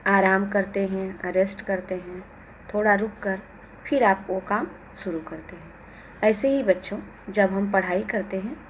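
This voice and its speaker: A patient woman teacher talks young pupils through a grammar lesson. She speaks in a medium-pitched voice at an unhurried pace and pauses often to ask the children simple questions. She sounds like a recorded lesson for home study. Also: a little mellow. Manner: slow, patient, addressing children directly with questions. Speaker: primary school teacher.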